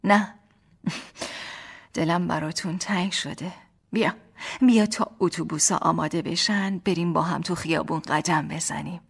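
A woman reading the lines of an affectionate, teasing young husband in a slow, gentle storybook voice. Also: sits low, creaky, breathy edge, exaggerated voice.

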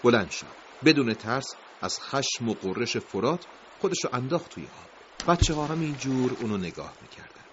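A man's voice: medium pitch, very animated, noisy background. A man narrating a dramatic story in a grave, emotive voice, in a dull lo-fi recording.

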